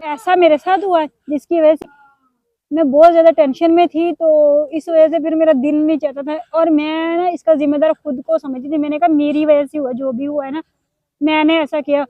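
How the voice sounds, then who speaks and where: A woman's voice: high-pitched, flat delivery, moderate pace, dry recording. A middle-aged woman, chatting to her viewers in a casual vlog with a sore throat, complaining and confiding. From Pakistan. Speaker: vlogger. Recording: dry, tinny phone-like audio.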